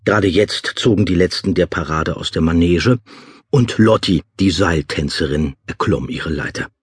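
A man reading an audiobook in a measured, vivid storytelling manner. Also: low voice, breathy edge, dry recording, clean studio sound. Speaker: audiobook narrator. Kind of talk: scripted audiobook narration.

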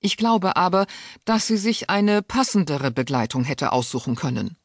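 A woman's voice: fairly low pitch, big pitch swings, normal speed, no echo, studio quality, pitched above the performer's own voice. A woman voicing a stern, disdainful aristocratic aunt who speaks sharply and impatiently. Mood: cold, scornful.

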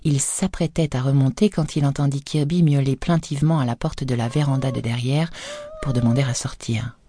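A woman narrating an audiobook in a measured, even storytelling manner, recorded close on a studio microphone. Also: rumbling low, slight background noise.

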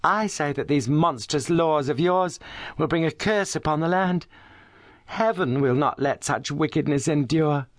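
A man's voice: on the high side, unhurried, no room sound, studio quality, voice pushed up, close to an everyday voice. A man voicing a young titled lady, injured, weary and passionate, raised in South Australia, speaking in a raised, pleading voice. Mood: indignant. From brought up in South Australia.

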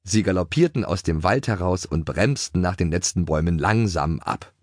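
A man narrating a children's audiobook in a playful, expressive way. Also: low voice, normal speed, dry recording, studio quality.

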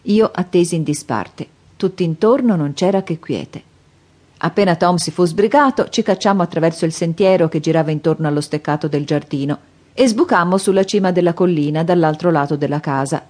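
Female audiobook narrator, calm and steady, lower-pitched voice. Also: brisk.

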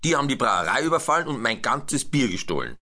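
A man's voice: medium pitch, big pitch swings, fast talker, sharp tone, voice pushed up. A man voicing a grumpy, fussy male brewery master in a children's story. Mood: indignant. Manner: fussy, indignant.

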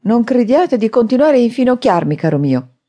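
A woman narrator voicing a drunken, furious man who shouts and threatens. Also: on the high side, very animated, moderate pace, voice pushed up. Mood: angry. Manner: loud, shouting, blustering.

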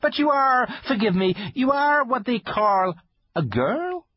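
Mr Tumnus, a fluttery fawn. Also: male voice, animated, a little slow, dry recording, exaggerated voice. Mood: fussy polite. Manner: flustered, courteous, high and fluttering. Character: timid polite male fawn, small and fussy. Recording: dull lo-fi dry recording.

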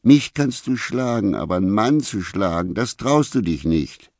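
A man voicing a shrill, furious woman who screeches accusations at her partner in an audiobook. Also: expressive, takes it slowly, a little mellow, dry recording, clean studio sound. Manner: screeching, hysterical. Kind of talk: audiobook character voice.

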